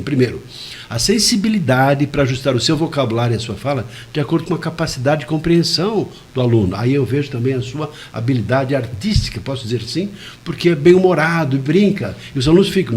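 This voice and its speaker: A man's voice: a little mellow, slight background noise. Man demonstrating vocal variety while explaining. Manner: demonstrative, shifting volume and pitch to illustrate points; deliberate, careful enunciation. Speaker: communication expert guest. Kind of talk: web radio interview, explaining.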